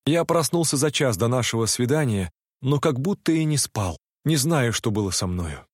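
A man narrating a story in the first person, reading in a measured, reflective way. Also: mid-range voice, lively intonation, no echo, clean studio sound. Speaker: audiobook narrator.

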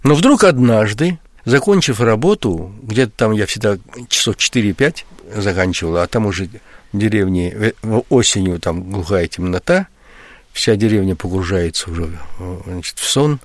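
A man's voice: on the low side, animated, normal speed, dry recording. An older writer, a guest on a radio interview, recalling his past with many fillers and restarts.

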